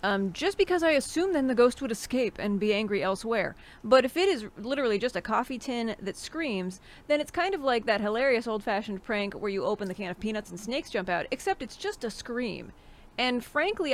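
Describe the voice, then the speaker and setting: A woman on a panel chatting casually, reasoning things through in a dry, measured way. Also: medium pitch. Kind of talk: casual comedic chat.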